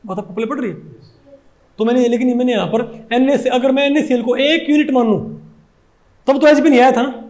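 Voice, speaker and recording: High-pitched Hindi-speaking chemistry teacher. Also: male voice, fairly even intonation, brisk, pauses often, a little mellow. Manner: asks constant rhetorical questions, repeats points. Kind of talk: classroom lecture.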